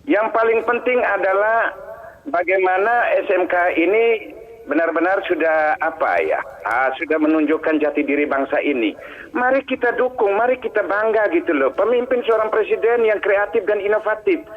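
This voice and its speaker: A man's voice: sits high, animated, moderate pace. A man phoning a talk show to give an emphatic, exhorting opinion off the cuff. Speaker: phone-in caller. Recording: muffled phone call to broadcast.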